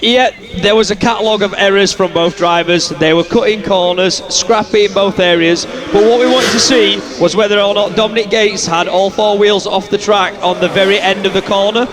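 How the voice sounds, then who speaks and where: A man explaining a decision as a competition judge, matter-of-fact and measured in his wording. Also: high voice, steady tone. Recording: crowd and vehicle noise outdoors.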